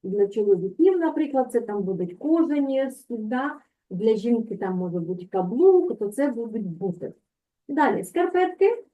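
Woman, language teacher, patient explaining, slightly high voice, tinny phone-like audio. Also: big pitch swings, moderate pace. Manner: patient, explanatory, frequent "так?" checks. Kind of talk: online language lesson.

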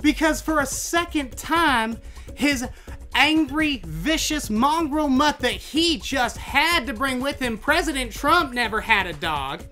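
A man's voice: very high-pitched, lively intonation, takes it slowly, pushed and bright, faint music behind, full character voice. A young man impersonating an indignant female conservative cable news pundit in a heated, theatrical political rant. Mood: outraged. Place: indoor home studio. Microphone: large desk microphone up close.

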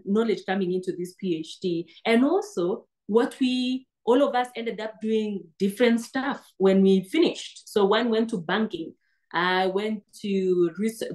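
Her voice is mid-range and darkish, and the recording quality is low. An earnest Kenyan woman with a PhD, she's being interviewed as a guest over video call, frequently restarting words. She sits on a sofa indoors, captured by her laptop webcam.

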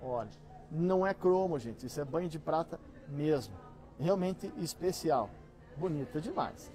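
A middle-aged man with a Brazilian accent working as an auctioneer, coaxing higher bids with repeated calls and pitching items to buyers. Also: lively intonation, measured pace, mellow, soft background music. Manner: repetitive, coaxing bid-calling. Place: large busy antiques store hall, indoors.

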